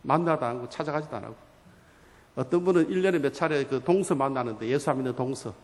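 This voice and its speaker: A male guest pastor giving a lively sermon at an evangelism seminar, acting out little dialogues between churchgoers and their relatives. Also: medium pitch, fast talker. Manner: animated storytelling, acting out dialogues of churchgoers and spouses. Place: church sanctuary. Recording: long reverb of a church hall.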